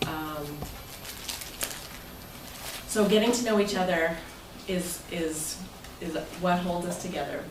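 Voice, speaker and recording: This woman speaks slowly on the low side, leaving long pauses. She's presenting informally to her club's members as president, in an indoor meeting room where they're gathered. The sound is roomy and noisy, recorded from a distant mic.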